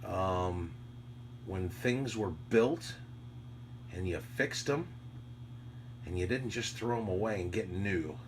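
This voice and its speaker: An American man who is an amateur radio operator rambles casually and nostalgically in a reflective, conversational monologue. His deep voice is slow with frequent pauses, and the audio is clearly noisy with hum.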